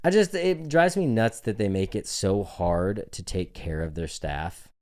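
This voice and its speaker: Young male podcast co-host with a low register. Profane, animated storyteller who acts out the dialogue. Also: measured pace. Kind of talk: casual storytelling chat.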